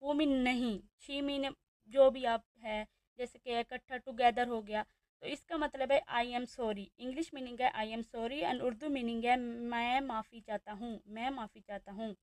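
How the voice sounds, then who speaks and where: A woman with a Pakistani Urdu accent teaching a beginner language lesson, saying each new word slowly and repeating it several times. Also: fairly high pitch, steady tone, a little mellow, no room sound.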